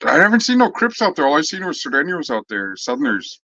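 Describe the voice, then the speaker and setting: A man's voice: a little high, big pitch swings, quick pace, pushed and bright, no room sound, highs cut off. Laid-back slangy man on a live stream. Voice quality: slangy, swears freely. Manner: laid-back, laughs often while telling stories. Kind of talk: casual live-stream chat answering viewers.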